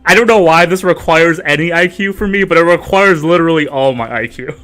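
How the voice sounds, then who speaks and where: A young man streaming a horror game as host, rambling and joking, his talk dropping to mumbles between louder bursts, into a desk mic at home. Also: a little high, brisk. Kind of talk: casual gameplay commentary. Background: faint game music.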